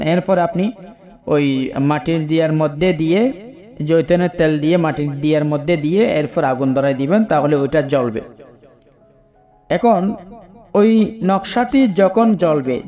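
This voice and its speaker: A man teaching a ritual step by step with a Bangladeshi Bengali accent, repeating himself and reciting chants slowly. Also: high-pitched, darkish tone, muffled recording. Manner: repetitive, explains step by step, chants incantations slowly. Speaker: spiritual ritual instructor. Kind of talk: spoken how-to instruction.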